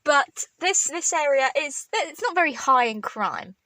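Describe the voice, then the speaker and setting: A woman's voice: high voice, lively intonation, a little slow, bright, forceful tone, dry recording, rough recording. A woman co-hosting a podcast, telling stories with teasing, crude jokes in casual chat. She is from Canada. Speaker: podcast co-host.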